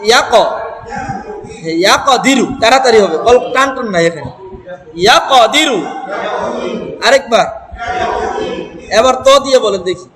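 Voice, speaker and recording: A man leads a Quran reading class, chanting verses slowly and breaking words into single syllables for his students. His voice sits very high and rings through a roomy hall. A crowd of students can be heard around him. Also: lively intonation. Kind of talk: classroom Quran recitation lesson.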